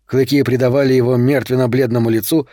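A man narrating a horror novel as an audiobook, in a steady, measured reading. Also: mid-range voice, no echo, studio quality.

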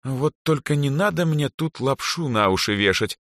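A man voicing a lazy, bored teenage girl for a storybook reading, with a slow, flat and listless delivery. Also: mid-range voice, no echo, studio quality, pitched above the performer's own voice. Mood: bored, sarcastic.

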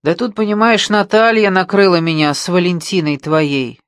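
A man playing a bitter, short-tempered man who shouts in anger. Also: high-pitched, fairly even intonation, moderate pace, no echo, clean studio sound, voice pushed up. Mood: agitated. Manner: loud, shouting, gruff.

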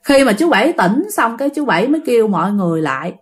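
A woman with a Southern Vietnamese accent narrates a ghost story in a loose, conversational style. Her voice sits high, and she keeps turning to address her listeners, filling pauses with little fillers. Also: very animated. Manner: chatty, addresses listeners directly, many fillers.

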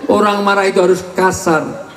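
Joking preacher in an echoey hall. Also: male voice, high-pitched, fairly even intonation, normal speed. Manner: joking, with punchlines and rhymes. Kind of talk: humorous sermon to a live audience. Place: large hall with audience. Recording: echoey hall, faint crowd noise.

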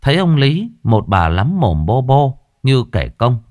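A man narrating a horror story in a measured, expressive way. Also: mid-range voice, no room sound.

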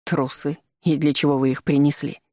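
A reader voicing a tired, skeptical male police investigator who speaks flatly and with resignation. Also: medium pitch, normal speed, no room sound, studio quality, close to an everyday voice. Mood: weary.

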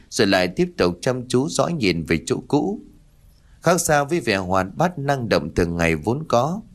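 Lively low-voiced male storyteller. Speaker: audiobook narrator. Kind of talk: storytelling narration.

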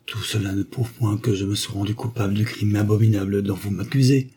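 Male reader as a frightened old nobleman: faltering, hushed, husky and mellow. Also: on the low side, fairly even intonation, a little fast. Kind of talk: audiobook character voice.

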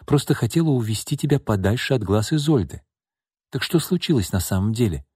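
A man voicing a young heiress who speaks quietly and calmly, in a read-aloud audiobook. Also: medium pitch, brisk, breathy edge, dry recording, clean studio sound, voice pushed up. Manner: quiet, calm and even. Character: calm, quiet young heiress, composed and resolute.

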